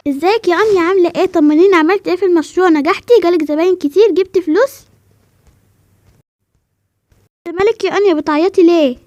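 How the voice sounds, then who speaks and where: A woman's voice: very high-pitched, very fast, darkish tone, dry recording. A woman with an Egyptian Arabic accent voicing a caring, encouraging mother in a voiced game role-play, speaking in a soothing, patient way. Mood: curious.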